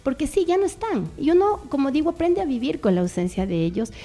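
A woman's voice: mid-range voice, dark tone. A middle-aged woman, a guest on a radio talk show, telling reflective stories with many fillers.

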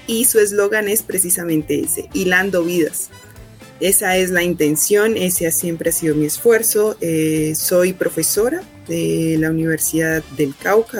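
A Colombian woman, a university professor, answering interview questions in an earnest way with slow, stressed phrases. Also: fairly low pitch, gravelly.

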